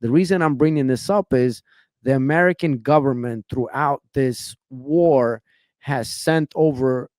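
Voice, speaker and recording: A man's voice: mid-range voice, unhurried, a little mellow, no echo. A young man from Ukraine hosts a podcast in a fired-up, persuasive way, leaning on "man" and "you know" as he builds his argument. His mid-range voice is recorded close and dry, with no room sound. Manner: impassioned, repeats "man" and "you know what I'm saying". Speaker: podcast host. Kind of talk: podcast interview.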